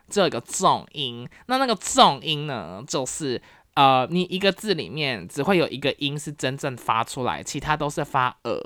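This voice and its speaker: A woman's voice: very deep voice, no echo, clean studio sound. A woman from Taiwan, a university professor talking frankly and with opinions in a casual podcast monologue. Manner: frank and opinionated, animated storytelling.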